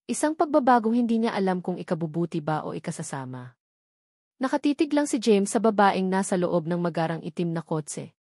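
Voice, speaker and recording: In studio-quality audio with no room sound, a Filipino-accented woman narrates a dramatic scripted story as an audiobook reader. Her voice is mid-range and a bit mellow.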